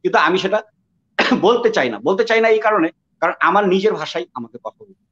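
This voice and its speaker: A man from Bangladesh with a Dhaka Bengali accent, speaking in a reflective interview, discursive and often pausing with fillers to search for words. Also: sits high, very animated, fairly bright tone, dull audio. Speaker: interviewee, writer.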